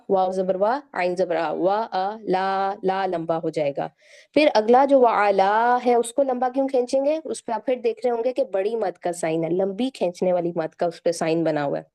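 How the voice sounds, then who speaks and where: A woman teaching a Quran recitation class, patiently sounding out syllables slowly one by one and checking in with her students. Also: medium pitch, mellow. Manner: slow, drawn-out syllable-by-syllable demonstration; patient, repeats "theek hai" to check in.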